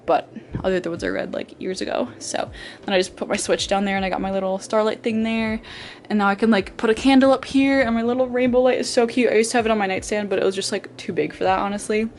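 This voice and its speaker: In her bedroom at home, a young adult woman keeps up a chatty, bubbly vlog, full of fillers and frequent "like"s. A little background noise sits under her mid-range voice.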